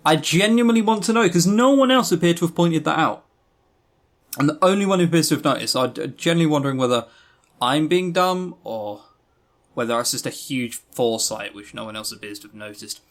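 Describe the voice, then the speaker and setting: On a podcast he co-hosts, a man reviews visual novels in a casual, rambling way, pressing his opinions emphatically. His voice is a little high and a little fast, with lively intonation.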